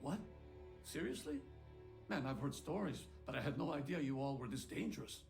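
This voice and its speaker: Weary, wry male game patrolman, rugged creaky voice, faint music behind. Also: medium pitch, animated, moderate pace, darkish tone. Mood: relieved, impressed. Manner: wry, plain-spoken. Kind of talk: video game acting.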